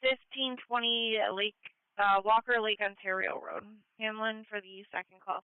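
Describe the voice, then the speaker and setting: An emergency dispatcher assigning EMS calls over scanner radio in a procedural, slightly halting way. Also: medium pitch, steady tone, smooth. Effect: scanner radio transmission. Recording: tinny, narrowband scanner radio.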